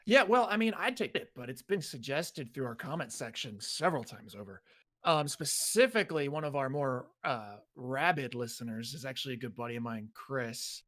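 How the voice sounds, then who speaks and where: A man's voice: mid-range voice, lively intonation, moderate pace, a bit bright. A man co-hosting a casual podcast chat, rambling and chuckling, with frequent restarts. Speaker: podcast co-host. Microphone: webcam and desk microphone.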